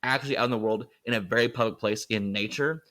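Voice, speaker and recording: A man's voice: lowish voice, quick pace, pushed and bright. A man who makes films, a guest co-host talking casually and thoughtfully about filmmaking craft. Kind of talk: casual film discussion.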